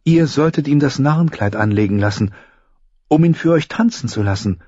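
A man voicing a careful, flattering young noble girl in an audiobook reading. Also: mid-range voice, moderate pace, husky, no echo, muffled recording, pitched above the performer's own voice.

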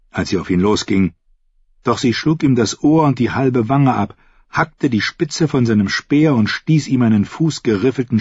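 A man reads a story in a steady, measured narration. His voice sits low and slightly husky. The recording is dry and somewhat dull. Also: no echo. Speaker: audiobook narrator. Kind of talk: scripted narration.

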